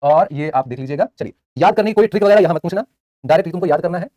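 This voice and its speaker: A man's voice: on the high side, lively intonation, rapid-fire, warm tone. A young man teaching a live online class, chatty, joking between facts and repeating answers for students.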